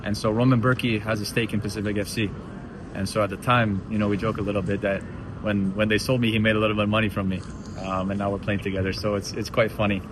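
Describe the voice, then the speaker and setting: A man's voice: fairly low pitch, little pitch movement, fast talker. A young man from Belgium, a professional footballer, answering post-match interview questions thoughtfully with many restarts. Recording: noisy outdoor stadium interview.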